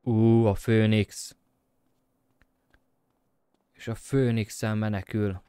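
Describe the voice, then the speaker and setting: Guy doing let's play commentary, jokey, swears, keeps yelling at the game. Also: fairly low pitch, smooth, no echo. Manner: excitable, yelps and shouts at the game, swears; jokey self-talk to viewers. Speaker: gameplay commentator.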